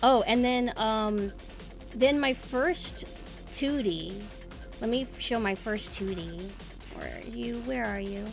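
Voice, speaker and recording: A woman's voice: on the high side, slow, creaky. A woman streamer hosting a casual live-stream chat, talking informally and thinking aloud as she goes. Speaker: streamer, VTuber host. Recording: music behind the voice. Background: background music.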